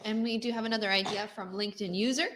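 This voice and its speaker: A woman's voice: medium pitch, steady tone, quick pace, fairly bright tone, slight background noise. A woman co-hosting a casual live stream, reading viewer comments aloud and laughing easily.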